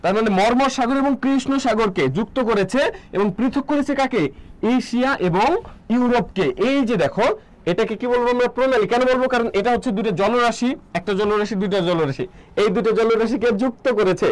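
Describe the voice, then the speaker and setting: High-voiced man teaching a live class. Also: a little fast, rough recording. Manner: asks students questions and answers them himself; repeats key terms, reads out viewer comments. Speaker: admission coaching teacher. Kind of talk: live online geography lecture.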